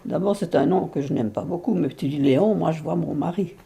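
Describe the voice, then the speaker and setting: Very old woman with a gravelly voice. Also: low voice, warm tone. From Belgium. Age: over 90. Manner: halting, emotional, with restarts and tearful moments. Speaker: great-grandmother telling her life story. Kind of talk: intimate spoken memoir.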